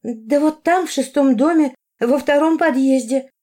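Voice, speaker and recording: A woman's voice: high-pitched, measured pace, warm tone, voice pushed up. A woman playing a fussy, lonely older neighbor. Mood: flustered.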